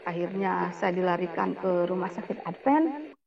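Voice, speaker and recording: A woman's voice: lowish voice, expressive, normal speed, vocal fry, highs cut off, a crowd in the background. A woman giving an emotional personal testimony to a congregation, often turning to address her listeners directly.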